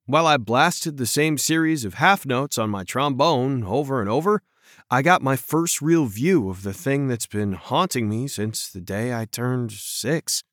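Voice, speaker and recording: A man narrates a first-person storybook at an unhurried pace, his pitch rising and falling freely as he tells it. The sound is close and dry, with no room around it. His delivery is expressive and leans into the dialogue. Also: no room sound.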